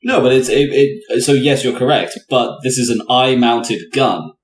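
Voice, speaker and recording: A man's voice: medium pitch, normal speed. Man running a game, roomy echo. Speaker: game master. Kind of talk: casual tabletop game recap. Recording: roomy echo, faint noise.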